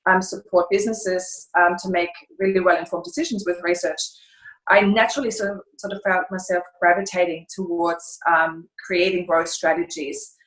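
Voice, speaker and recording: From an echoey home room next to a fireplace, a German-accented, middle-aged woman who founded a consultancy joins an interview by video call. Her fairly low voice stays fairly even at a normal pace, and her answers are reflective, with frequent hesitations while she looks for words.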